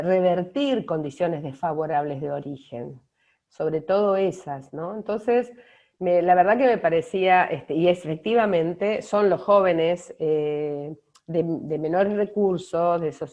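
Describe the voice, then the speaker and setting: A middle-aged woman with an Argentine Spanish accent, answering interview questions thoughtfully with pauses and restarts. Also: lowish voice, darkish tone. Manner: thoughtful, many fillers and restarts. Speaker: author being interviewed. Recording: dull lo-fi audio.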